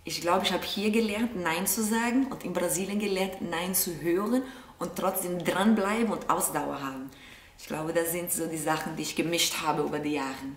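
Young brazilian woman vlogging, lowish voice, echoey room, mic a bit far away. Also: normal speed. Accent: Brazilian Portuguese. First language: Portuguese. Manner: thoughtful, gestures a lot with her hands. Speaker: vlog host answering viewer questions. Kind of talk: casual chat to camera. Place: living room, seated on a sofa. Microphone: camera a short way off. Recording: roomy sound, mic at a distance.

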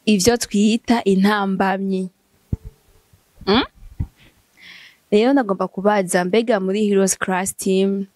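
A young woman from Burundi hosting a casual music interview, playful and quick to laugh. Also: mid-range voice, no echo. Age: young adult. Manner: lively, laughs often, playful asides. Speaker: interviewer, show host.

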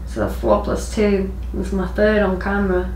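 A woman's voice: medium pitch, little pitch movement, a little slow, a little mellow, a little hiss or hum. A giggly, drunk woman in her twenties rambling casually to camera while doing her makeup. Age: 20s. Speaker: makeup vlogger. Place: small home kitchen, indoors. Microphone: camera a step or two away. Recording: echoey room, camera mic.

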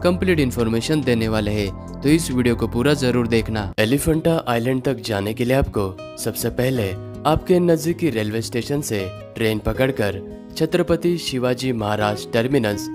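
A man giving a steady, informative voice-over as a travel vlogger, narrating a guided tour. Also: mid-range voice, moderate pace. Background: clear guitar music.

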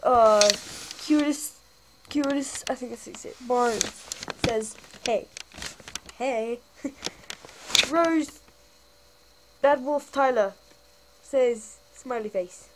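A woman's voice: on the high side, extremely slow, long pauses, background noise. A young woman hosting a casual vlog, reading viewer comments aloud and answering them in a chatty, giggly way. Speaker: channel host.

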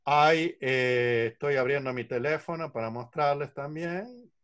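A man's voice: mid-range voice, a little slow, a bit bright. Older man patiently teaching singing. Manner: patient, explanatory, illustrates with counting and examples. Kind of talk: online lesson on singing. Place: home room with a bookcase. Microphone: video call.

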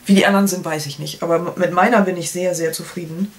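A beauty vlogger in her thirties speaks fast in a fairly low, steady voice while reviewing a product on camera. Her chat is casual, peppered with playful colloquial asides. She records indoors in a small home room, with clear background noise and clicks.

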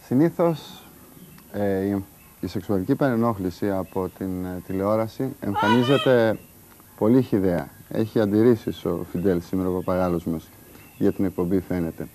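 A man hosting a TV show, presenting in a measured way with filler pauses. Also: sits low, dark tone, a little hiss or hum. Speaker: TV show host. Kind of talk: broadcast presenting.

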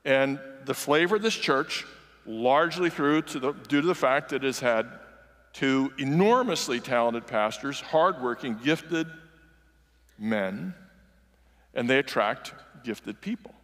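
A guest preacher in his sixties gives an earnest, conversational sermon, moving around the stage of a large church sanctuary. His mid-range voice is a bit bright, and the big hall adds long reverb.

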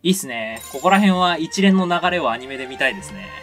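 A man hosting a game video with relaxed, chatty commentary. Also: a little high, quick pace, soft background music. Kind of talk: casual gameplay commentary.

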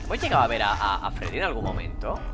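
A young man from Spain streaming a horror game, who swings from low muttering to panicked shouting. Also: sing-song, racing, music in the background. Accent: Spain Spanish. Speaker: gaming streamer. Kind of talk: live gameplay commentary.

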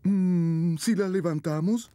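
A woman's voice: on the low side, takes it slowly, dark tone. A woman voicing a small friendly young animal in a children's cartoon. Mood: puzzled. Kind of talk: children's cartoon dub acting. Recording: children's music behind the voice.

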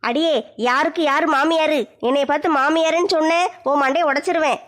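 A woman's voice: high-pitched, steady tone, brisk, fairly bright tone. A woman acting a village comedy sketch in a brash, mocking way. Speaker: comic sketch performer.

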